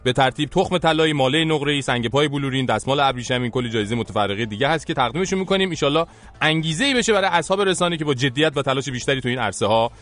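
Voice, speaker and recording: A man's voice: mid-range voice, animated, a bit bright. A man with an Iranian Persian accent presenting a scripted satirical press review as host, in a colloquial, mock-formal manner.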